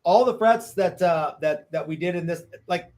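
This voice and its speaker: A man's voice: a little high, moderate pace, darkish tone. A man hosting a guitar-building workshop, chatting casually with his students and often repeating himself and restarting sentences.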